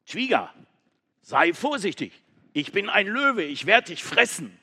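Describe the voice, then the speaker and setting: A man voicing a stubborn young female goat who insists she is a lion, loud and insistent. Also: fairly high pitch, very animated, slow, breathy edge, pitched above the performer's own voice, full character voice.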